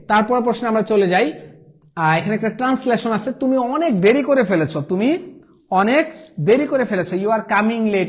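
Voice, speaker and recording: A man, teaching English grammar and going through exam answers, repeating key words slowly for drilling. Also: high voice.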